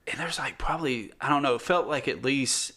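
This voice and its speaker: A man's voice: mid-range voice, fairly quick, pushed and bright. A man co-hosting a podcast, chatting casually about a movie, rambling and trailing off with frequent laughs. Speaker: podcast co-host. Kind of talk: casual movie review chat.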